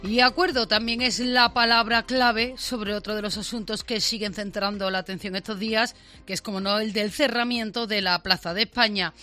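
A woman presenting local radio news in a brisk, conversational way. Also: mid-range voice, sharp tone. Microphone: studio microphone.

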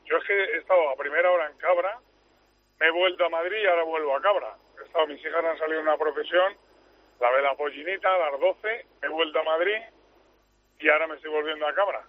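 A man's voice: fairly high pitch, fast, slight background noise. A man calling in from the road to give chatty, opinionated sports analysis on the radio. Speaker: commentator calling in. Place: car on the road. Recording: tinny phone line.

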